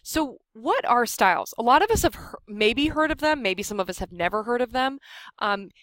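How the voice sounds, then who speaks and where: A woman with an American accent leading an informal software workshop, explaining things in a conversational way. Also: on the high side, animated, normal speed, no echo. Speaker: workshop instructor. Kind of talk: informal software tutorial for a live group.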